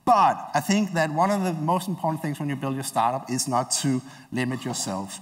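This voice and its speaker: A man's voice: on the high side, normal speed. Man speaking in a reverberant hall. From Denmark. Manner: relaxed, hesitant, many filler sounds. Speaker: keynote speaker. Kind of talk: conference keynote talk. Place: large conference stage before an audience. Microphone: headset mic.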